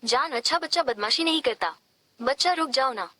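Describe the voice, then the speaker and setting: A woman voicing a tender, loving young man who speaks softly and coaxingly to his beloved. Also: sits high, animated, normal speed, no echo, heavily acted. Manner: soft, affectionate, coaxing.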